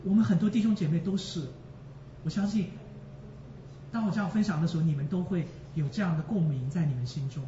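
A man's voice: a little high, fairly quick, dark tone, slight background noise. A man preaching a sermon with emotion, repeating phrases for emphasis and speaking straight to the congregation. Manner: addresses the congregation directly. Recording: echoey, distant, dull sound.

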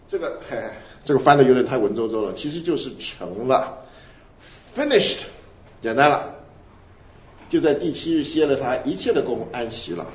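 Animated man preaching in an echoey room. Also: fairly high pitch, a little hiss or hum. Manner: animated, asks the audience questions and answers them. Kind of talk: sermon teaching. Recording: roomy, dull lo-fi recording.

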